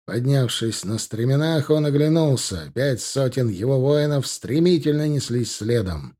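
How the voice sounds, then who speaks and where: A man narrating an audiobook in a steady, measured storytelling manner. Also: mid-range voice. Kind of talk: scripted narration.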